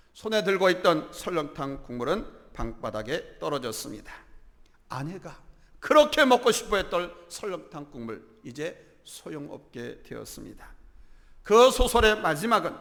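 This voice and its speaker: A man preaches from the pulpit with an animated delivery that swings widely in pitch. His voice has a gravelly edge. The sound carries a long church-hall reverb. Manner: animated storytelling, voicing characters in the tale. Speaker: pastor. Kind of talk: sermon. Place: church sanctuary.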